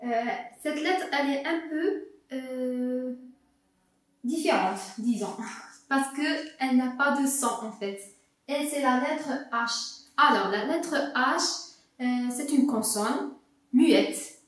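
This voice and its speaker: A woman's voice: high voice, slow, recorded from a distance. A woman teaching a phonics lesson to young children, patiently spelling out letters and repeating words. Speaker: primary school teacher. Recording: echoey room, voice set back from the mic.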